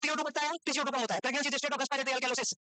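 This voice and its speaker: Woman lecturer rattling off questions super fast, high bright voice, dry close sound. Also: steady tone, no echo, rough recording. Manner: fires rhetorical questions and repeats the answers; mixes English medical terms into Hindi. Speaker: medical lecturer. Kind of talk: Hindi medical lecture, quizzing students.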